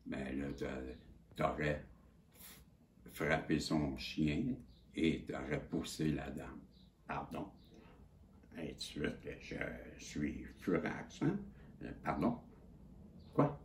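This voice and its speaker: Québécois man, animated indignant storyteller, swears freely, echoey room, faint background noise. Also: very deep voice, slow, long pauses. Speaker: channel host. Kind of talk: casual storytelling to viewers.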